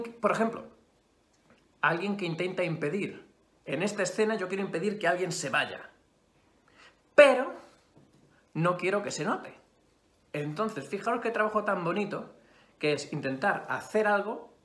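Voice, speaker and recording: A man from Spain teaching a theatre class, talking expressively, swinging from loud emphasis to hushed asides. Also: high-pitched. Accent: Spain Spanish. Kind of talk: acting class lecture. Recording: roomy echo.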